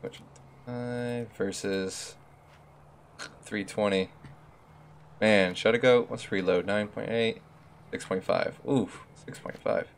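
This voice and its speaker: A man's voice: lowish voice, fairly even intonation, slow, creaky, pauses often, slight background noise. A man streaming a tank game, chatting casually with a friend and muttering to himself as he picks his gear. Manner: laid-back, mutters to himself while picking gear. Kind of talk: casual gaming chat.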